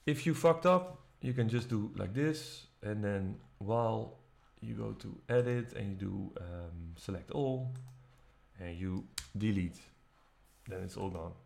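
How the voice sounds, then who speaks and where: A man teaching music production, walking through the software step by step in a relaxed, casual way. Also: on the low side, a little slow, creaky. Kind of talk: screen-recorded software tutorial. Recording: faint music playing behind. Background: faint music.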